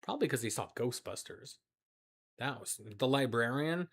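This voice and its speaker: Congested man joking around, lively pitch. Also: moderate pace, vocal fry. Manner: joking, self-mocking banter. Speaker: co-host. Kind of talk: casual chat.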